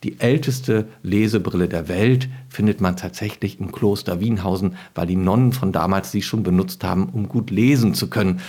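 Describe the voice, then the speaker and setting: Lively low-voiced male storyteller. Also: moderate pace, few pauses, slightly rough. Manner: lively, storytelling explanations with occasional hesitations. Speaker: historian and author, guest. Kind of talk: interview answers.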